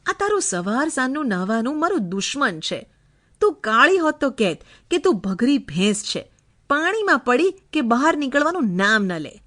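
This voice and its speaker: A woman's voice: high voice, big pitch swings, moderate pace, a bit bright. A young husband teasing his wife, read by a woman. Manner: affectionate teasing.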